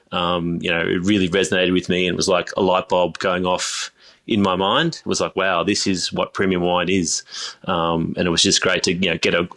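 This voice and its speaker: Halting Australian man, low bright voice. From Griffith, New South Wales, Australia. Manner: halting, many fillers and restarts. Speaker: chief winemaker, guest. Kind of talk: casual interview chat.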